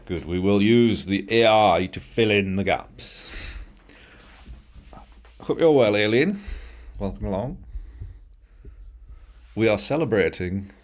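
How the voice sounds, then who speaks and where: In a home studio room, a somewhat tired middle-aged British man hosts a casual live stream, editing photos, cracking jokes and welcoming viewers by name. He speaks British English in a lowish voice, slowly, with long pauses.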